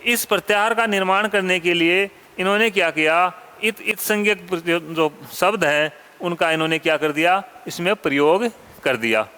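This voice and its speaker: High, bright-voiced man teaching Sanskrit grammar. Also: smooth, in a large hall. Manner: asks questions and answers them himself; repeats key terms slowly and deliberately. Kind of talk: classroom lecture.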